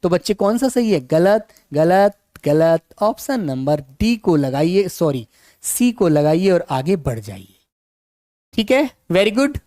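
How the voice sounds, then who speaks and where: A male teacher with a sore, hoarse throat, leading an online exam-prep class in a calm, unhurried and affectionate way. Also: sits high, dry recording, studio quality.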